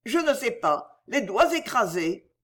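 A woman's voice: a little high, very animated, measured pace, fairly bright tone, voice pushed up, full character voice. A woman voicing a timid, hurt young factory girl who answers plaintively in a storybook reading. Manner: plaintive, tearful.

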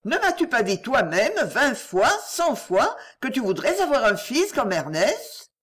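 A woman voicing an earnest, loving fifteen-year-old girl in a read-aloud novel, her pitch lifted and pleading. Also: sing-song, unhurried, fairly bright tone, husky, full character voice.

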